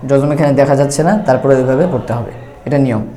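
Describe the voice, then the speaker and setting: A man teaching Quran reading, spelling out syllables slowly and then explaining briskly. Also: medium pitch, steady tone, dark tone. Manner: drawn-out syllable-by-syllable recitation; brisk explaining between drills. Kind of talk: slow spelled-out reading lesson.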